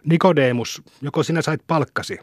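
A man's voice: on the high side, no echo, studio quality, pitched above the performer's own voice, natural voice. A man voicing a worried old rural police chief who talks in a fretful, bewildered way, in an audiobook reading.

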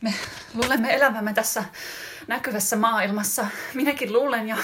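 Actress playing a wistful wife, fairly high voice, intimate letter-reading in a radio play, faint noise behind. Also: female voice, natural voice. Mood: reflective. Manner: intimate, reflective, growing more heightened and excited. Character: wistful woman writing a letter to her husband. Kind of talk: radio drama monologue.

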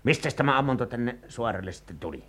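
A man's voice: mid-range voice, lively intonation, fairly bright tone. An actor playing a blustering, jumpy male adventurer in a vintage radio play, stammering and cursing. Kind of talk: 1940s radio acting.

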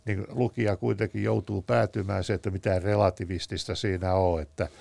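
A man's voice: lowish voice, level tone, creaky, darkish tone, no echo. A man, a guest author on a talk show, discussing ideas in a thoughtful, anecdotal way with frequent hesitations.

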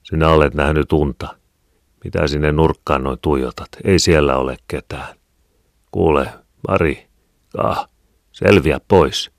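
A man voicing a worried poor husband who talks in a gruff, coaxing way to his wife. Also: rumbling low, fairly even intonation, no echo, clean studio sound.

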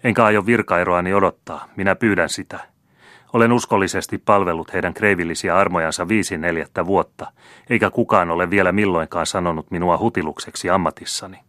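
A man's voice: low voice, fairly even intonation, a bit bright, no echo, clean studio sound. A man reading an audiobook voices an old, loyal gardener who answers with stiff, wounded pride. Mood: hurt, proud. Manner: stiff, proud.

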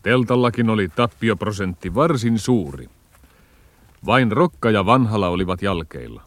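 A man narrating a radio play in a steady, measured storytelling voice. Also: on the low side, no echo.

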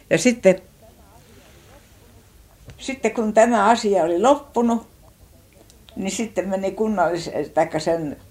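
An older Finnish woman shares childhood memories in a slow, oral-history manner, her deep voice a little mellow and slightly rough. She frequently pauses to find the right word and starts her sentences over.

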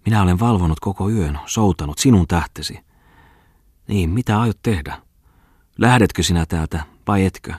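A man's voice: sits low, darkish tone, husky, no room sound, clean studio sound. A man reading aloud and voicing a drunk, distraught middle-aged clerk who speaks in a trembling, whining way. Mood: agitated.

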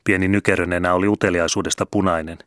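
Deep-voiced male audiobook narrator. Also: flat delivery, fairly bright tone, dry recording, clean studio sound. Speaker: audiobook reader. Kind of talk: scripted narration.

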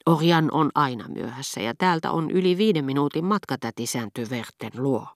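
A woman's voice: deep voice, animated, no room sound, studio quality. A woman as a poised, worldly duchess. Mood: brisk, coaxing. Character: elegant, worldly aristocratic duchess.

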